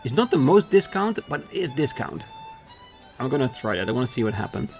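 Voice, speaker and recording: A man's voice: medium pitch, very animated, brisk, soft background music. Man thinking aloud over a game. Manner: thinking aloud, apologetic, laughing often. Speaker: let's play host. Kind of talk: gameplay commentary and reading dialogue aloud.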